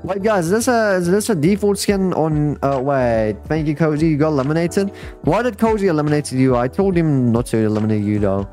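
A man with a slightly high voice hosts a livestream in a loose, slangy, chatty way. He talks straight to viewers and players as he commentates on the game, with music playing faintly behind him. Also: animated, fairly quick, warm tone. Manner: slangy, addressing viewers and players as bro and guys. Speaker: live streamer hosting a game fashion show.

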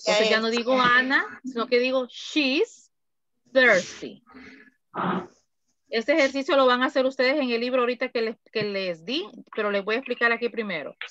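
Woman, English teacher, dry close sound, slightly high voice. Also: sharp tone, dry recording, highs cut off. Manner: slow, careful, repeats phrases for students. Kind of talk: online class explaining grammar.

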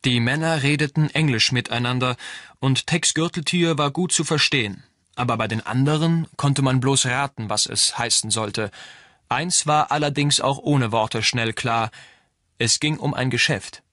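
A man reading a novel aloud as audiobook narrator, in an even storytelling delivery. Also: medium pitch, moderate pace, no echo, clean studio sound. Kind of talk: scripted narration.

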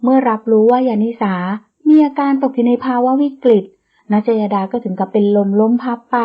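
A woman reads a romance audiobook slowly and with feeling. Her voice is fairly high and breathy. The recording sounds dull and lo-fi. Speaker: audiobook narrator. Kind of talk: scripted audiobook narration.

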